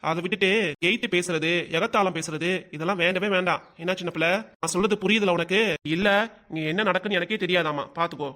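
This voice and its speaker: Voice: mid-range voice, fast, pushed and bright, close to an everyday voice. A performer voicing a stern husband who orders his wife around in a cartoon. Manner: commanding, curt. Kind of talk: cartoon voice acting.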